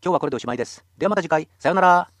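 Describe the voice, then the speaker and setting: A man's voice: on the high side, racing, over music. A man teaching a radio language lesson, explaining patiently and encouraging listeners.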